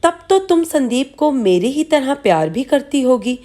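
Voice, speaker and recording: Woman voicing a jealous husband, suspicious, accusing, lively voice, slow delivery. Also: high-pitched, voice pushed up. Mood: sullen. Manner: accusing, angry.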